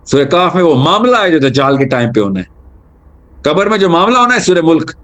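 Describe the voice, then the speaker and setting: A man giving an animated religious talk, telling stories and mixing in English terms. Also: on the high side. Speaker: Islamic speaker.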